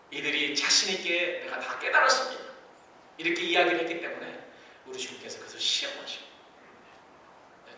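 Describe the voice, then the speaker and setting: A man preaching a sermon as pastor, swinging from soft, low passages to loud, high-pitched pleading. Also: slight background noise. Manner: dramatic swings between soft and loud delivery. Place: church sanctuary. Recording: echoey church hall, mic at a distance.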